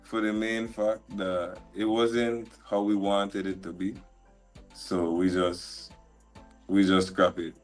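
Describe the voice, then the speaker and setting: A man, a music producer talking casually as a guest on a live stream, halting and full of slang. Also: lowish voice. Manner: relaxed, halting, lots of restarts and slang. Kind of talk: casual interview chat. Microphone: live stream call.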